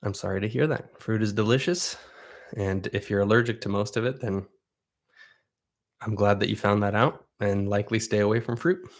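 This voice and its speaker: A man from Southern Oregon, USA, whose native language is Russian, answers viewer questions during a livestream. He talks at a moderate pace in a lowish voice, keeping it casual and conversational, rambling and frequently restarting.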